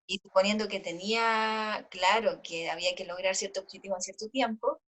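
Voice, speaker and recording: Woman, participant, thoughtful, mid pitch. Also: normal speed, fairly bright tone. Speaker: training participant. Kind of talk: casual discussion.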